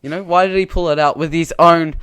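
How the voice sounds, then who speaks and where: A man's voice: on the high side, steady tone, fairly quick, fairly bright tone, clear, resonant tone, no echo. A young man co-hosting a casual podcast, rambling and joking about himself. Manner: rambling, self-mocking, meme-joking. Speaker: podcast co-host. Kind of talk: casual chat.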